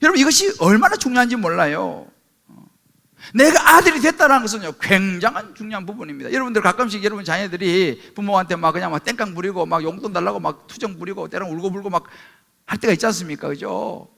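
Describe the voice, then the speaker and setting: High-voiced pastor preaching a sermon, swoops up and down a lot, keeps asking the crowd questions. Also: male voice, lively intonation, quick pace, vocal fry, pushed and bright. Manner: emphatic preaching with rhetorical questions, calls for amen.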